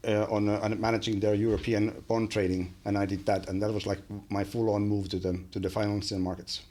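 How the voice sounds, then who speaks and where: A Finnish man in his forties, a podcast guest, chats casually in an interview, full of fillers and restarts. His voice sits on the low side, level in tone, mellow and a little fast. He is recorded in a small room on a studio mic mounted on a boom arm.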